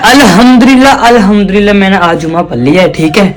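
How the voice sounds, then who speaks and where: Young male vlogger with a high voice, loose chatty delivery, keeps checking "okay?". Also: animated, fast talker. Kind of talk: casual vlog chat.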